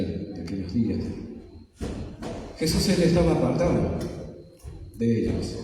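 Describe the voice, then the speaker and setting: A male pastor preaching a sermon with impassioned delivery and slow, dramatic pauses. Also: medium pitch, a little mellow, far from the mic, slight background noise. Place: church sanctuary. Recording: echoey church hall, voice from afar.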